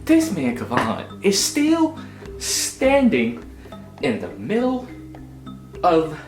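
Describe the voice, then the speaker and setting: A vlogger in his twenties from Augusta, United States, speaks very slowly in a fairly high voice while telling a personal story. He's animated and slangy, regularly slipping in "you know what I'm saying," and the echoey recording has music behind him.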